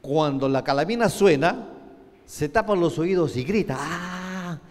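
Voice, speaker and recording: A man's voice: a little high, lively intonation, normal speed, big-room sound. A man preaching a sermon as pastor, telling stories with frequent restarts. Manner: storytelling, acting out quoted voices, many restarts.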